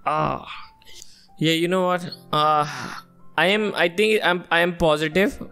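A man's voice: a little high, unhurried, gravelly, sharp tone, smooth, faint music behind. A man bantering casually as a podcast guest, using slang and swearing and mixing Hindi into English. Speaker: podcast guest and quiz contestant.

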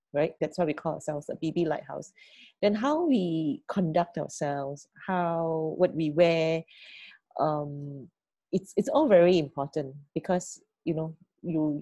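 A middle-aged woman talks her team through a plan on a video call. Her voice sits low and mellow, with a dry, close sound. She repeats words as she thinks and keeps checking in with "okay?" and "right?". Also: no echo. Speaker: team leader. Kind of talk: online team meeting briefing.

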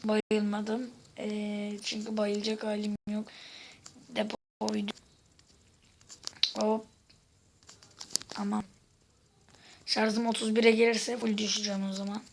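A woman giving casual gameplay commentary, exasperated, swearing and shouting out at the game while chatting to her viewers. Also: mid-range voice, completely flat delivery, takes it slowly, gravelly, long pauses, a little hiss or hum. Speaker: gaming video host.

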